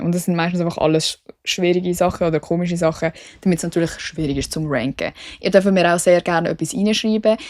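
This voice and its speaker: Chatty young Swiss woman, mellow voice. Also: fairly low pitch, no room sound, clean studio sound. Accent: Swiss German. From Switzerland. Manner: chatty and self-mocking, with English slang mixed in. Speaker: podcast host. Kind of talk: casual solo podcast chat.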